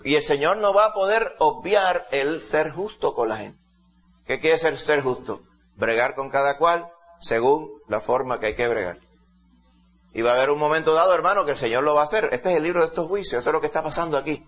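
A man with a brisk, slightly bright voice on the high side preaches a sermon emphatically, repeatedly calling his listeners "hermano," or brother. The recording is dull and lo-fi.

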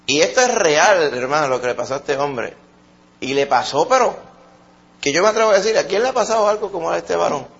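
A man with a Puerto Rican accent preaching a sermon, swinging between loud emphatic peaks and soft, low asides. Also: animated, a little fast, creaky, dull audio.

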